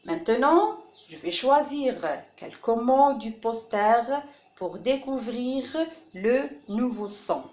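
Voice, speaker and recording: Woman teacher, North African French accent, slow and careful, lively melodic voice, echoey room. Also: fairly high pitch. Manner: slow, deliberate, repeats words to model pronunciation. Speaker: primary school teacher. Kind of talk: French phonics lesson for children.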